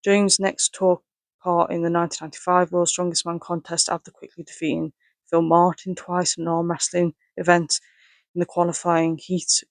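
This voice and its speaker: A man speaks from inside a rubber mask in a fairly high, flat voice with a very dry, close sound. He sounds hot and short of breath as he reads a biography aloud, stumbling and correcting himself between casual asides. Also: no room sound. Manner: halting, stumbling reading with self-corrections. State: hot, finding it hard to breathe. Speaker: presenter.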